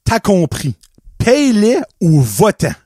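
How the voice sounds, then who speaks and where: A man's voice: high voice, huge pitch swings, takes it slowly, mellow, husky, no room sound, clean studio sound. Fiery profane Acadian man ranting. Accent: Acadian French. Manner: heated, profane storytelling, switching between French and English. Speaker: podcast host. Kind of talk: ranting monologue.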